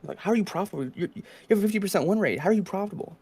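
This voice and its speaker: A young man talks very quickly in a fairly high voice with a gravelly fry. He explains trading casually on a livestream, often restating his points. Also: lively intonation, a little mellow. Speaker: live trading streamer.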